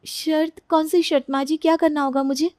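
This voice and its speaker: Cartoon young daughter-in-law, shy and anxious, high and pleading delivery; a woman voices her. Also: flat delivery, moderate pace, darkish tone, no echo, clean studio sound, natural voice. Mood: hopeful. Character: timid young daughter-in-law, eager student.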